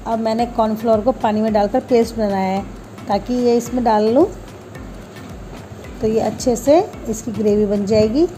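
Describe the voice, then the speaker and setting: Mellow-voiced woman guiding a home recipe. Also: on the high side, fairly even intonation, normal speed, faint music behind. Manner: homely, talks viewers through each step. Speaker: home cooking channel host. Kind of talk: step-by-step recipe voice-over.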